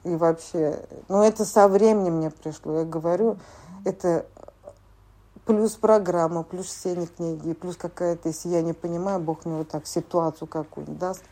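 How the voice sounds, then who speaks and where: A woman in her forties sharing at a recovery group meeting, speaking haltingly with many filler words. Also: on the low side, steady tone, warm tone. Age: 40s. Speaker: support group member.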